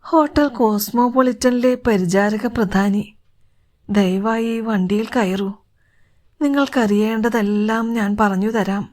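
A woman's voice: medium pitch, a little slow, a little mellow, natural voice. A woman voicing a small, frightened man in an audiobook, speaking in a trembling, pleading way. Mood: anxious.

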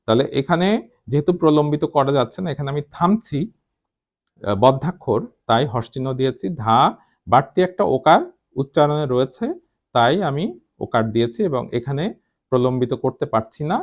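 লাফিয়ে ওঠা-নামা সুরে বাংলা শিক্ষক পুরুষ. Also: male voice, medium pitch. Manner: slow, deliberate syllable-by-syllable explanation. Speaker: Bengali language teacher. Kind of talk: spoken lesson on pronunciation.

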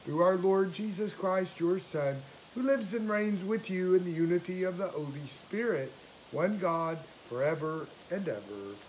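An older man in the role of priest delivers liturgy with solemn, measured formality. His voice sits a little high for a man. A faint hiss runs behind his prayers and readings in a home recording. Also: lively intonation, a little mellow, rough recording. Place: small domestic room indoors.

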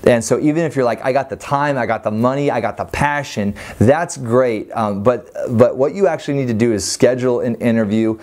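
An earnest man in his thirties speaks straight to camera with a lapel mic, pressing viewers to act now. His delivery is warm-hearted and urgent, his hands moving as he talks. The pitch sits in an ordinary middle range. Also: brisk, hardly any pauses. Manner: earnest, urging, gestures while talking. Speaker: ministry school leader. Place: indoor living-room style set.

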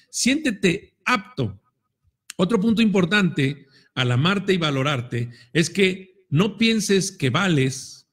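A Mexican man with a high voice delivers a motivational talk straight to his audience. He is playful and blunt, slips into little acted-out voices and throws in casual swearing. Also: breathy edge. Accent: Mexican Spanish. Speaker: motivational speaker.

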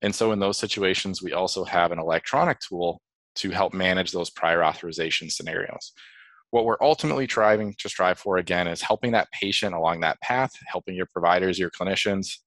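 A man with a deep, low voice walks through a webinar presentation in a steady, explanatory way, with the odd filler and restart. The sound is dry and close, with no room around it. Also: a little fast, no echo, rough recording.

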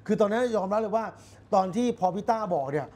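A man hosting a casual talk show, chatting bluntly with a guest and dropping many quick agreements. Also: high voice, lively intonation, dark tone, a little hiss or hum. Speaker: podcast host. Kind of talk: casual chat.

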